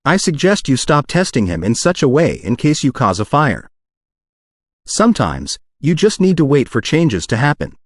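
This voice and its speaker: A man's voice: mid-range voice, huge pitch swings, moderate pace, no room sound, clean studio sound. A machine-generated male voice reading the lines of a cautious older aunt who advises a young ruler, in a storybook audiobook. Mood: advising.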